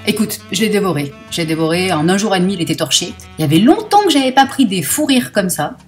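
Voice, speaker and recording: A woman's voice: medium pitch, big pitch swings, quick pace, soft background music. A woman talking casually about books she has read, chatty and slangy, swearing freely. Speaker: book vlogger. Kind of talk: casual book review and reading aloud.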